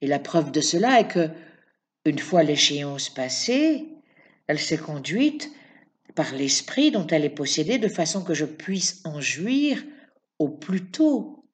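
A woman reading aloud voices a sly old male bohemian sorcerer, calm and mocking, in a low, soft and unhurried voice. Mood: menacing.

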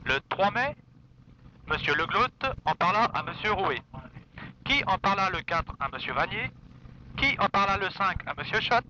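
A man reads a mock-official bulletin in a deadpan, formal manner. His voice is high, very bright and sharp, and his pitch moves a lot. The recording is dull and lo-fi, with faint noise behind him. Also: moderate pace, long pauses.

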